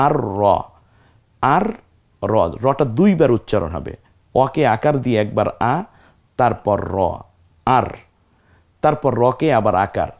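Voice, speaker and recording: A man teaching Quran recitation, building words syllable by syllable and repeating each one slowly. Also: mid-range voice, a little mellow. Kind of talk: step-by-step recitation lesson.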